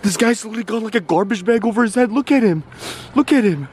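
A YouTuber in his twenties narrates an excited vlog, dramatic and gasping, and keeps calling out "guys" to his viewers. His voice sits high and a little rough, and he talks fast. It starts outdoors at night, moves into an indoor room, and loud background music plays throughout.

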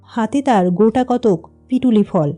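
A woman narrating a classic short story in a calm, even reading voice. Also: fairly high pitch, a little slow, faint music behind.

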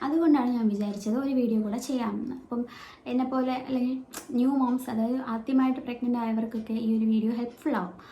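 A woman's voice: fairly high pitch, steady tone, fast, dark tone. A woman with a Malayali accent telling a personal story in a casual vlog, chatty and full of fillers, recorded without a microphone. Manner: chatty, explains with many fillers and restarts. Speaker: vlogger. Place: at home with her baby nearby. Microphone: no microphone, phone or camera mic. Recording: echoey room, faint background noise.

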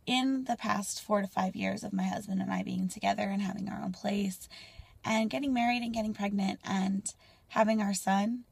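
Young mom vlogger in her twenties, husky and gravelly, close dry sound in a car, candid and rambling. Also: medium pitch, no room sound. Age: 20s. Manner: candid and rambling, drops to soft near-whispers. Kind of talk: casual personal vlog. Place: parked car, indoors. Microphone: phone camera at arm's length.

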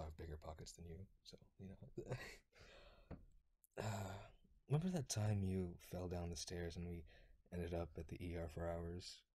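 A whispered role-play in which a man plays a caring young best friend who teases gently. His voice sits very low, dark and mellow, with a breathy, husky edge. He speaks softly and slips often into a whisper. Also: no echo. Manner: soft-spoken, teasing, partly whispered.

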